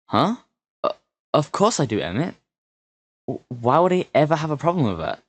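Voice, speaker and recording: A woman's voice: low-pitched, very animated, normal speed, breathy edge, no echo, heavily acted. A woman voicing an easygoing, curious friend in a cartoon game story, with a casual manner. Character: easygoing, curious friend who likes investigating.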